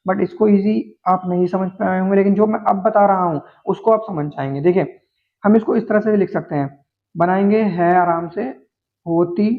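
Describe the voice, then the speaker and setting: A man teaching shorthand step by step, patient and repetitive, often pausing on "theek hai" as he works through each word. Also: high voice. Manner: patient, repeats words slowly, many "theek hai" fillers. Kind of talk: explaining Hindi shorthand outlines step by step. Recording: tinny, phone-like narrow sound.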